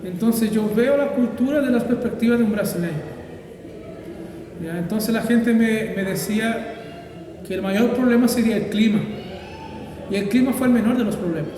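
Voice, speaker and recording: High-voiced pastor in an echoey room. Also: male voice, normal speed, long pauses, far from the mic, a crowd in the background. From Brazil. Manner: thoughtful, hesitant with many fillers. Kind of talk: interview answers.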